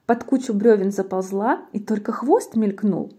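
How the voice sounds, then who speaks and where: Husky-voiced woman reading a rhyming tale. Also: medium pitch, normal speed. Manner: lively, rhythmic rhyming narration. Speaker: storybook reader. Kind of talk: storybook reading in verse.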